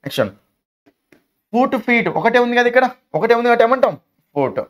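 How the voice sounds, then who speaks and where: Fast, high-voiced Telugu teacher. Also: male voice, sing-song, dull audio. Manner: asks questions and answers them himself, calls students "nanna". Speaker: English teacher. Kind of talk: classroom grammar lesson.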